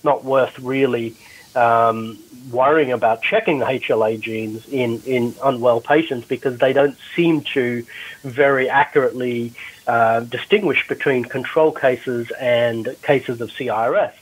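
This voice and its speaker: In a rough recording replayed from a Clubhouse audio room, a male doctor on a panel works through a health topic with frequent restarts. He sounds husky and mid-range, unhurried and fairly even in intonation.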